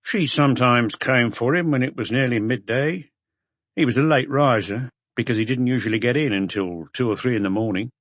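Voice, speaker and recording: In an audiobook, a man voices an unshaven, tired, slovenly hotel owner who gives blunt, curt answers and sounds gruff and weary. His own voice is medium-pitched, brisk and fairly bright, close to an everyday voice, with no room sound.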